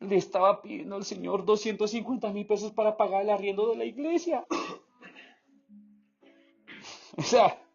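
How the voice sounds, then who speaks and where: A man's voice: high voice, moderate pace, vocal fry, pauses often, slightly rough, faint music behind. A man from Colombia with a Bogotá accent, a pastor telling a story in a sermon and acting out the voices of people in it. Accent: Bogotá Colombian Spanish. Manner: animated storytelling, acts out quoted voices. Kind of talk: sermon testimony. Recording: slightly dull lo-fi sound.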